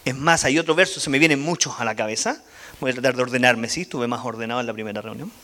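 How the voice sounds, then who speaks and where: A man teaching a Bible lesson to a church group, animated and asking the audience frequent questions. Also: mid-range voice, quick pace.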